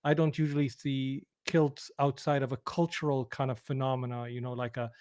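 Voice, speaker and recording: A man's voice: mid-range voice, level tone, a little fast, darkish tone. A man from Syria co-hosting a podcast, whose first language is Arabic, asking curious questions casually and often restarting his sentences. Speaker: podcast co-host. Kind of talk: casual conversation.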